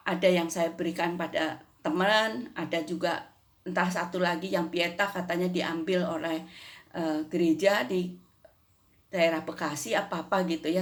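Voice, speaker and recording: An older woman recounting a faith experience in an easy, conversational manner. She drops in little tag questions and acts out the dialogue as she goes. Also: lowish voice. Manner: conversational, frequent "gitu ya" tags, acts out dialogue. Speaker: churchgoer giving testimony. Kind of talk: personal faith testimony.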